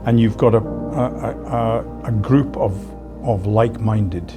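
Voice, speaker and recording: A man speaks in measured, halting phrases and restarts himself often. His voice sits low. Loud music plays beneath him. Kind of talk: interview answers.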